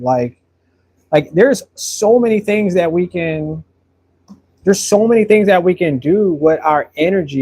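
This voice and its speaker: Man, 30s, slightly high voice, casual painting stream, rambling, friendly, repeats words. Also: darkish tone, breathy edge. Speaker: painter streaming and answering viewer comments. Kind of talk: casual live-stream chat while painting.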